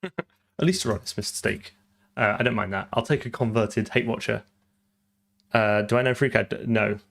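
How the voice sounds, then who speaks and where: A man's voice: lowish voice, moderate pace, vocal fry, a bit bright. A man live-streaming his programming, talking through code and answering chat, often trailing off and repeating words.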